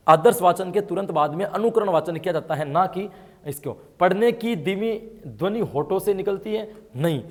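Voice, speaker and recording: A man teaching an exam-prep lesson, explaining answers and asking his students questions as he goes. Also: high voice. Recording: long hall reverb.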